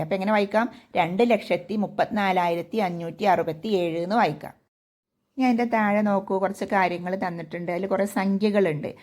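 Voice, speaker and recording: A woman with a Kerala Malayalam accent teaching a children's textbook maths lesson, patiently asking questions and answering them herself. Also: medium pitch. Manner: asks and answers her own questions, patient.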